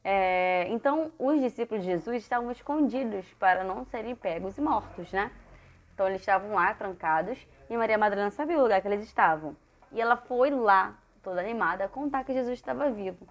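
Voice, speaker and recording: A woman from Brazil leads a children's Sunday school class. She tells a Bible story with animated energy and keeps asking her young listeners questions. Her voice sits at an ordinary middle pitch. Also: a little fast.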